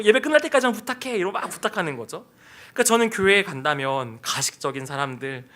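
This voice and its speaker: A man's voice: high-pitched, sharp tone. A man in his thirties preaching a sermon in a church sanctuary, telling a personal story and acting out the voices of people in it. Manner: storytelling, acts out quoted voices.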